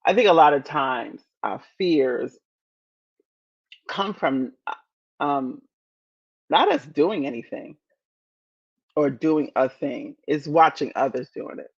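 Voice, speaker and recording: Slow-spoken woman in her fifties, podcast host. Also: low-pitched, slightly rough, highs cut off. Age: 50s. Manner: deliberate, repeats key phrases, encouraging. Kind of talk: motivational podcast talk.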